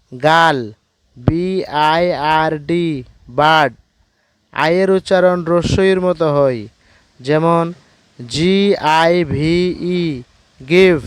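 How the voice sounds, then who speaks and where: Very slow, deliberate male teacher. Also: on the high side, smooth, no room sound. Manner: spells words letter by letter, very slow and deliberate. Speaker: English pronunciation teacher. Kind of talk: slow scripted lesson narration.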